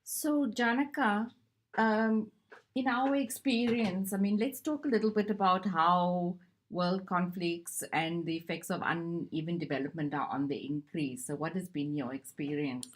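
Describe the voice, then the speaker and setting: Woman from South Africa, gender advisor, low voice, talks conversationally with some hesitation. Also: measured pace. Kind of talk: recorded conference discussion.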